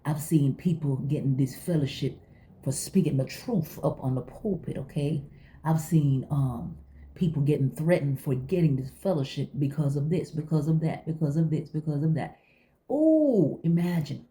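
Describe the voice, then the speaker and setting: A vlogger with a very dark, mellow voice chats casually while eating, mouth full. The delivery is folksy and conversational, repeating phrases for emphasis and addressing the listener directly. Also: mid-range voice, steady tone, normal speed. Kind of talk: casual chat to viewers.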